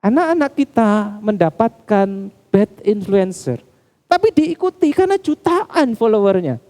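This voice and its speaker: A man preaches a sermon to a church congregation. His voice sits somewhat high with a warm, mellow tone. He addresses the listeners directly again and again, his pitch climbing and dropping. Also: very animated, a little slow. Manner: addresses congregation as Bapak Ibu Saudara, pitch rising and falling widely. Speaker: pastor.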